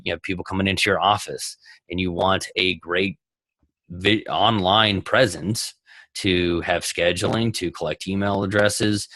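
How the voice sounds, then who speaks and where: A man's voice: low voice, fairly bright tone, no room sound, poor audio. A man with a Texas accent, a guest entrepreneur chatting casually on a video call, enthusiastic and rambling with many restarts. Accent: Texan.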